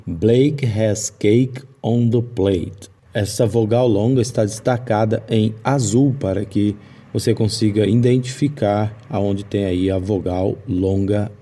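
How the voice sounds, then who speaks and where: A man's voice: on the low side, warm tone. A man teaching English pronunciation to Portuguese speakers in a video lesson, explaining patiently and drawing out example words.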